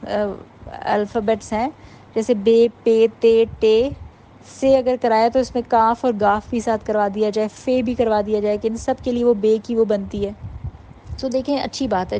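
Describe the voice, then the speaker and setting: Woman teacher, patient explanatory talk, mellow higher voice, faint background hiss. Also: fairly even intonation, poor audio. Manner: patient, explanatory, sounds out letters slowly. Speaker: parenting workshop teacher. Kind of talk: informal lecture to mothers.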